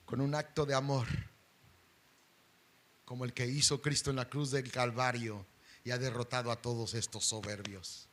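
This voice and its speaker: A middle-aged male pastor, preaching an impassioned sermon that swings from loud pleading to hushed intensity. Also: medium pitch, flat delivery, moderate pace, pauses often, a little hiss or hum.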